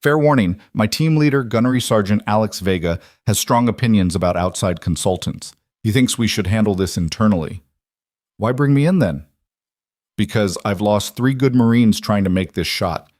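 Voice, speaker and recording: A man voicing a brisk, blunt woman Marine colonel in a story reading. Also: on the low side, a little mellow, no room sound, clean studio sound, natural voice. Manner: blunt, clipped.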